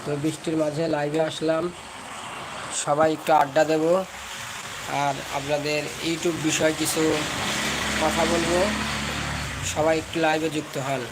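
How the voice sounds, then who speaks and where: A man's voice: on the high side, little pitch movement, measured pace, pauses often. A man with a Bangladeshi accent hosts a casual livestream, chatting to viewers with heavy rain around him. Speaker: livestream host. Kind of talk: casual live chat to viewers. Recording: loud ambient rain and traffic noise. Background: heavy rain, vehicle sounds.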